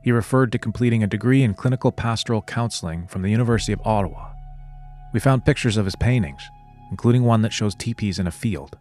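A man with a lowish voice narrates a scripted investigative podcast. He speaks in a measured, serious way, setting out each point evenly. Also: a little mellow, faint music behind. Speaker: podcast host and reporter.

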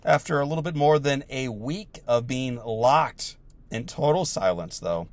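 In an unhurried, expressive delivery, a man recovering from laryngitis gives an earnest and reflective motivational speech. His voice is mid-range, slightly hoarse and darkish, and he repeats central phrases for emphasis.

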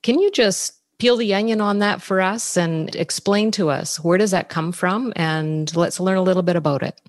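Prepared intros and figures are read in a measured way by a business podcast host whose voice is low and steady. Her sound is close and dry, with no sense of the room.

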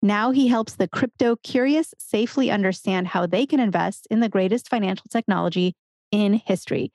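A woman's voice: medium pitch, a little fast, darkish tone, dry recording, clean studio sound. A woman hosting a podcast, introducing and questioning a guest in a conversational interview style.

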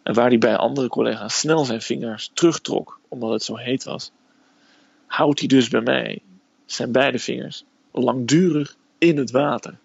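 A man telling a personal story in a casual, hesitant way, filling pauses with "eh". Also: medium pitch, creaky, breathy edge, no echo, lo-fi sound. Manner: hesitant storytelling, frequent "eh" fillers.

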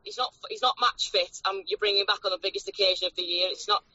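A woman's voice comes through a phone on speakerphone, dull and lo-fi, bright in tone with a husky edge. She is driving as she talks and vents frankly and bluntly, like a fed-up fan. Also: medium pitch, fairly even intonation, quick pace, no echo. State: driving while on the call. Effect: heard over a phone on speakerphone. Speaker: caller. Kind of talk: casual chat.

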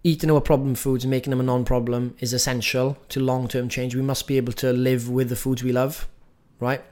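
A man's voice: mid-range voice, flat delivery, brisk, mellow. A man, teaching a coaching lesson on food in a direct, emphatic way and often checking with "right?". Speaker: nutrition coach.

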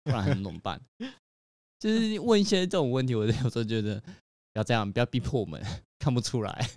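A man's voice: mid-range voice, fast, no room sound, studio quality. A man with a Taiwanese Mandarin accent, co-hosting a casual chat podcast and teasing his friend while telling stories from his restaurant job. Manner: teasing, animated storytelling. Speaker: podcast co-host; restaurant worker.

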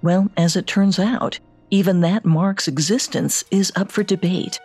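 A woman co-hosting a podcast, reading scripted true-crime narration with measured storytelling delivery. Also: on the low side, fairly even intonation, a little mellow, husky, faint music behind. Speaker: podcast co-host.

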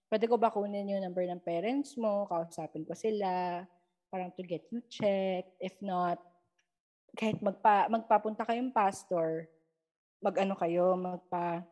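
A woman's voice: mid-range voice, measured pace, long pauses. Young Filipina woman, guest storyteller, chatty, code-switching, acts out quotes. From Philippines. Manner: mixes English into Tagalog, animated retelling with quoted dialogue. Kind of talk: casual storytelling chat.

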